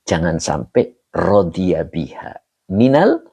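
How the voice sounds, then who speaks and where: Brief: middle-aged male religious teacher, low gravelly voice, unhurried and animated, chatting with viewers. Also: no echo. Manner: reads comments, jokes with viewers. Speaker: kitab teacher. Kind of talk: live-streamed kitab lesson. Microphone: phone or camera on a stand.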